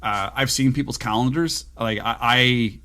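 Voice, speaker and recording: A man's voice: medium pitch, measured pace, bright, forceful tone. A man hosting a podcast, telling rambling, anecdotal stories in casual conversation. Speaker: podcast host.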